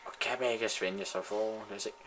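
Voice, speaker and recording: A man giving excitable live commentary while playing a shooter game, swearing and trash-talking his opponents. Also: on the low side, slight background noise.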